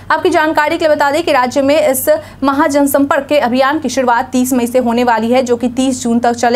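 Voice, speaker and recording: High-voiced young woman reading the news. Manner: formal, even newsreader delivery, seated at desk. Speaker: news anchor. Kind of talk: read news bulletin. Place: studio news set, indoors.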